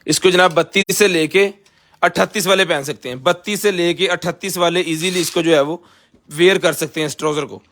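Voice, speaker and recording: A man with a Pakistani accent giving a casual live sales pitch as a seller, pushing items hard and repeating himself like a hard-sell ad. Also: steady tone, fairly quick, fairly bright tone. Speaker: live-stream seller of container goods.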